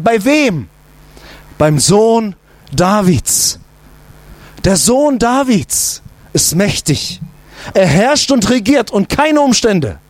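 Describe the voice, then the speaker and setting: A male pastor preaching a sermon emphatically, using repeated rhetorical questions and dropping to a low voice for emphasis. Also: no echo.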